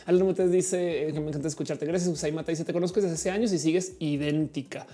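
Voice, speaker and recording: This woman in her forties hosts a casual livestream, reading viewers' messages in a chatty, playful way full of fillers. Her low, mellow voice moves at a quick pace with fairly even intonation.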